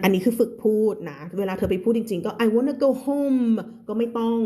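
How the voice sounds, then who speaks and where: A woman from Thailand teaching English in a live reading lesson. She reads slowly and deliberately, repeats words as drills, and then switches to quick, chatty explanations with frequent laughs. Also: fairly high pitch, mellow.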